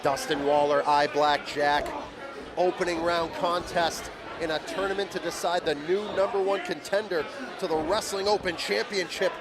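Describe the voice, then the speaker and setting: A man's voice: fairly high pitch, fairly even intonation, normal speed. A man calling live wrestling play-by-play as a commentator, with dramatic, emphatic delivery. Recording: live event, loud crowd noise. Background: very loud crowd and venue noise.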